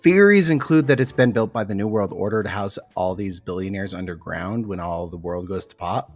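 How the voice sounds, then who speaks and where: A man's voice: low voice, a little fast, soft background music. A man co-hosting a podcast in casual chat, rambling and stammering over his words. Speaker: podcast co-host.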